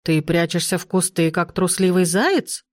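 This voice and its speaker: A woman voicing an elderly duchess grandmother, imperious and sharp-tongued, who talks in slow, commanding, clipped phrases. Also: on the low side, no echo, clean studio sound, lightly acted. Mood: scornful.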